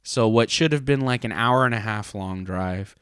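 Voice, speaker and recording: Casual male podcast storyteller, low-pitched and foul-mouthed, prone to comic exaggeration, very dry close sound. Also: normal speed, fairly bright tone, clean tone, dry recording. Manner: profane, exaggerating. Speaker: podcast host and pro wrestler.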